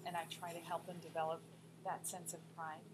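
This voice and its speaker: Young woman guest, lively and expressive, laptop mic at a restaurant table, clear music behind. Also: fairly low pitch, a little fast, poor audio. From United States. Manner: lively, expressive, laughs often. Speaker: guest, pageant coach. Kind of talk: casual interview chat. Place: restaurant dining room, indoors.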